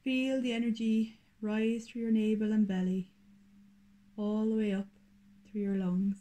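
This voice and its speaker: A woman guides a meditation in short, unhurried phrases, her delivery soothing and deliberate. Her voice is medium-pitched, mellow and shows little pitch movement.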